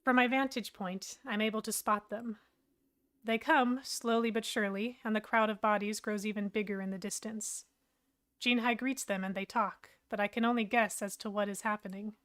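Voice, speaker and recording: A woman narrating a story in first person, in a reflective, even-paced way. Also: medium pitch, moderate pace.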